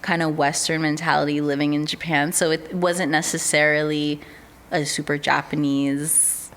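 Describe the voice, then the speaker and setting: In a casual podcast interview, an artist manager, a young woman from the US, talks in a relaxed, chatty way, her speech full of fillers like "um" and "like." Her voice sits low and her pace is moderate.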